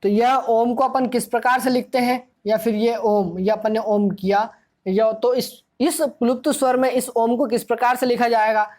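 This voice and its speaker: A woman's voice: fairly high pitch, fairly even intonation, normal speed, darkish tone. A woman teaching a grammar lesson for exam students. She asks the class questions, answers them herself and repeats key points. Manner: explanatory, drilling tone.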